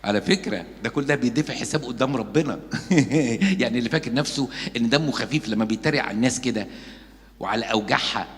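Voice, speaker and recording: A man's voice: mid-range voice, quick pace, big-room sound. A man, a Coptic priest with an Egyptian Arabic accent, preaching a sermon and acting out the people in his stories. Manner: lively storytelling, acting out gossips and mockers.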